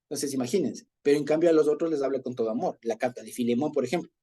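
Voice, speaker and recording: A man's voice: mid-range voice, racing, dark tone, slightly rough. A man with an Ecuadorian accent teaching an informal Bible study, talking conversationally, chuckling often and checking in with his listeners. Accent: Ecuadorian Spanish.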